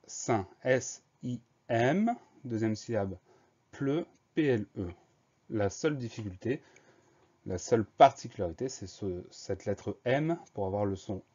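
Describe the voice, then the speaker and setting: A man teaching a spelling lesson to children, speaking slowly and carefully and spelling each word out letter by letter. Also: medium pitch, darkish tone, muffled recording. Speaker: primary school teacher.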